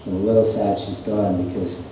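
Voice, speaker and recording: He's a middle-aged farrier instructor at a clinic presentation, spinning folksy, rambling tales in a big workshop or clinic hall. His fairly low, warm voice barely moves in pitch and keeps a moderate pace. Audio has an echoey shop sound, a far-off mic, and a faint hum.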